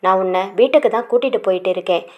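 Woman narrator doing a pushy young suitor in an audiobook: teasing, quick, coaxing. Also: mid-range voice, highs cut off, close to an everyday voice. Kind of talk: audiobook character reading.

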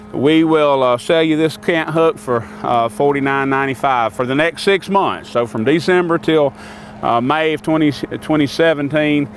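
Older man, folksy and rambling, slightly high voice, outdoor demo, filmed from a few meters. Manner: folksy, rambling, with many fillers. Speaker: sawmill equipment maker demonstrating tools. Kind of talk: casual product demonstration. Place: outdoors by a sawmill and in a wooded lot.

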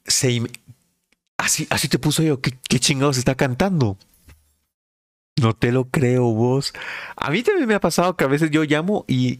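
A man's voice: mid-range voice, dry recording, clean studio sound. A man chatting and joking casually on a live stream.

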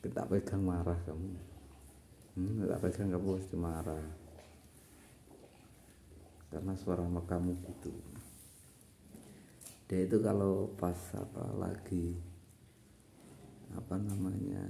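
A man's voice: sits low, gravelly, mellow, slight background noise. A man talking casually to his pet, coaxing it to sleep. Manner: slow, soothing, coaxing an animal to sleep. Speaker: pet vlogger.

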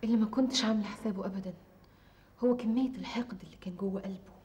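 An actress playing a troubled young woman with an Egyptian accent, soft and hesitant as she confides. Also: medium pitch, rapid-fire, close to an everyday voice. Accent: Egyptian Arabic. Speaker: actor in TV drama. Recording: roomy TV drama sound.

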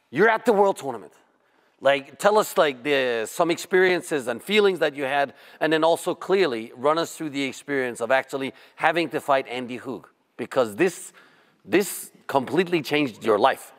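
A man in his fifties interviewing a guest in a relaxed, conversational way, often repeating words as he thinks. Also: mid-range voice, moderate pace. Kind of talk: interview questions.

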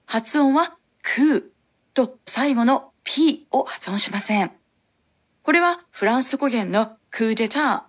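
Speaking into a studio mic, a fairly high-pitched woman leads a language lesson. She delivers scripted, clear explanations meant to teach.

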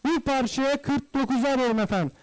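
A man's voice: extremely high pitch, brisk, rough recording. A man working as a livestock auctioneer, calling out bids in repeated phrases and addressing guests formally and courteously. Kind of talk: live auctioneer calling bids, repetitive price chant.

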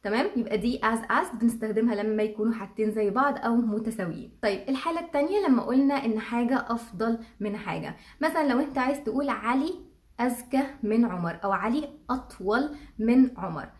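A young woman with an Egyptian Arabic accent teaching an English grammar lesson in a patient, casual way, repeating examples slowly with many fillers. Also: on the high side, expressive.

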